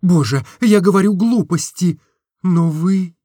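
A man reading aloud and voicing a distraught, tearful young woman who pleads in breathless, rapid questions. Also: high-pitched, mellow, dry recording, clean studio sound, pitched above the performer's own voice. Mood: imploring.

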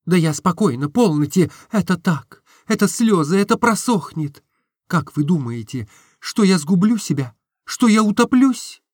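A distraught young woman on the edge of tears, as a male reader puts her on, her voice pitched well above his own and pushed louder. She pleads in breathless, imploring questions. The sound is close and dry. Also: expressive, a little slow, husky, no echo, full character voice.

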